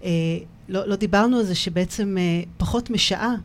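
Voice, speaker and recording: A woman's voice: medium pitch, slight background noise. A woman with an Israeli accent interviewing a guest, searching for her words with many fillers as she builds her questions. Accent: Israeli Hebrew.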